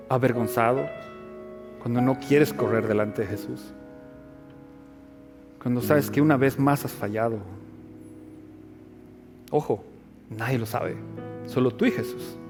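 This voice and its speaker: A male pastor preaching a sermon, moving between hushed, searching questions and loud, emphatic passages. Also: mid-range voice, long reverb tail.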